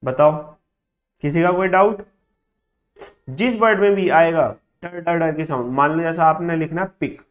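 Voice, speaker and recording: A man with a somewhat high voice teaches a shorthand class. He drills example words aloud, saying each one slowly and more than once. He keeps stopping to ask his students whether they have understood. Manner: drills words by repeating them slowly, checks understanding with frequent tag questions. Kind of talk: classroom lesson.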